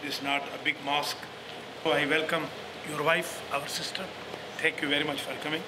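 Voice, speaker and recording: Earnest high-voiced man welcoming guests. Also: flat delivery, fairly quick, noisy background. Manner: formal, earnest, non-native phrasing. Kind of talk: welcoming speech to visitors.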